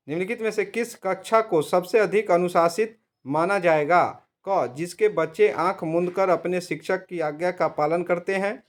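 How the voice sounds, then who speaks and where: A man reading multiple-choice exam questions with their options and answers in a steady, measured way. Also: high-pitched. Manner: steady, measured reading, slows down when giving the correct answer. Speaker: quiz presenter for teacher exam prep.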